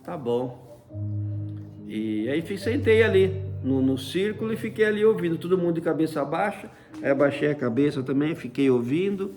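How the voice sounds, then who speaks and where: Guy telling his own story, kinda high voice, chatty, says né a lot, faint music in the background. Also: expressive, normal speed, darkish tone. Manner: chatty, fills with frequent "né?"; uses many fond diminutives. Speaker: storyteller recounting a personal experience. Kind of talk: casual spoken personal story.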